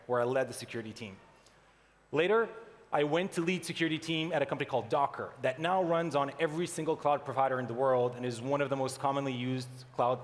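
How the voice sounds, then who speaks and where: A man from Portugal gives a keynote talk on a conference stage, his voice sitting slightly high for a man. He delivers it in an animated way. The sound carries the long reverb of a large event hall. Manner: animated, reads out mock headlines. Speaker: conference speaker.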